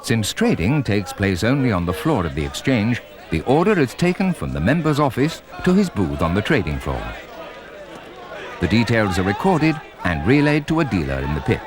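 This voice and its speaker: A man reading scripted corporate documentary narration in a measured, formal way. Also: lowish voice, very animated, a crowd in the background. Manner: measured, formal presenter delivery. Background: music.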